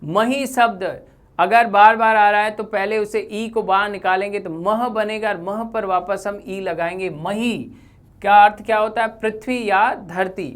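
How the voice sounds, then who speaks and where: A woman teaches Hindi grammar in a medium-pitched, steady voice, explaining deliberately. She repeats key terms and points to examples on a board.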